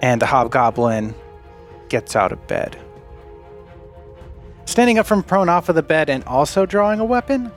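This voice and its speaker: Male game master, brisk and playful, faint music under him. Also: on the high side, big pitch swings. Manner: quick, laughing, playful narration. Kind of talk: narrating a tabletop game.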